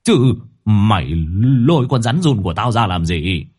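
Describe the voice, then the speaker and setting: A man voicing a bossy, gruff middle-aged male exorcist who scolds and threatens. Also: fairly low pitch, very animated, unhurried, darkish tone, full character voice.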